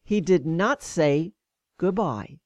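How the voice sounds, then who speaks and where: A woman's voice: medium pitch, lively intonation, unhurried, no room sound. A woman hosting a show, telling a personal story in an indignant, conversational way.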